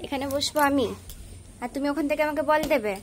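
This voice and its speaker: A high-voiced woman from West Bengal, hoarse with a cold, talks casually to her vlog viewers and coaxes her little daughter in a soft, patient way. A faint hiss of background noise sits behind her voice. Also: quick pace. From West Bengal, India. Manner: coaxing, talks gently to her small daughter. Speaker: vlogger mother. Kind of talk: casual home vlog talk to camera and child.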